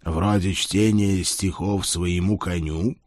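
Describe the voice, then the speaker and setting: A man's voice: low voice, fairly even intonation, takes it slowly, a little mellow, dry recording. Male reader as an old crusader servant: loyal, dry, deferential. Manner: respectful, dry, addresses master as sire.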